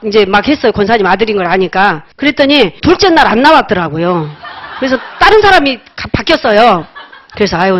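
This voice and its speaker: A middle-aged woman telling a personal success story at a meeting, lively and acting out the dialogue with laughter. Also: fairly high pitch. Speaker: speaker at a sales meeting. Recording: dull lo-fi audio.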